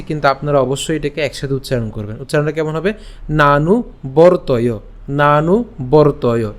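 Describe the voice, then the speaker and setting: A young man patiently teaching pronunciation, reciting verses slowly syllable by syllable and asking and answering his own questions. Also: on the high side. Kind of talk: pronunciation lesson with slow recitation.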